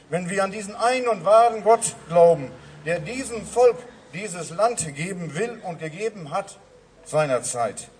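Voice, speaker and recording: A man's voice: high-pitched, a little mellow, recorded from a distance, a little hiss or hum, rough recording. A man preaching a sermon to his congregation, earnest and repeating his refrains. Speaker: pastor.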